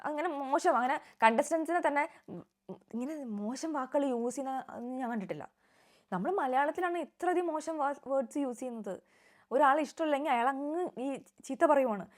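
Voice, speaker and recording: A woman's voice: high voice, expressive, a little fast. A young woman giving casual, opinionated vlog commentary on a reality show, mixing in English words.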